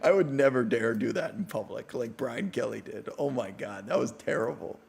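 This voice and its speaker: A man's voice: medium pitch, gravelly, a little mellow, a little hiss or hum. A man with a New York accent hosting a casual livestream, joking and swearing as he answers viewers. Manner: joking, profane, quick banter. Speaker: host.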